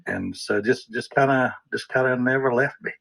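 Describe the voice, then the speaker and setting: A man's voice: medium pitch, moderate pace, vocal fry, fairly bright tone, poor audio. A man as a podcast guest, talking in an easygoing, rambling way. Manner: easygoing, rambling, restarts often. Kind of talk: casual interview chat.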